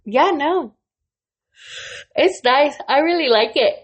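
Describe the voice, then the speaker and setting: A woman's voice: sits high, animated, slow. Teasing woman co-host. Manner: teasing, laughs along. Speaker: podcast co-host. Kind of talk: casual chat.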